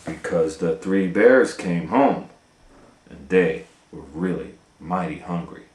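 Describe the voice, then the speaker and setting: This man's voice is deep and a little mellow, and he takes his time. Reading a children's story as an educator would, he gives lively storytime narration, asking rhetorical questions and describing the pictures for young listeners.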